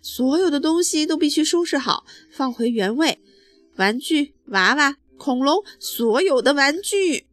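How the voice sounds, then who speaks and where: A woman voicing a patient but firm mother bear who gently scolds her cubs. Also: high-pitched, expressive, measured pace, no echo, faint music behind.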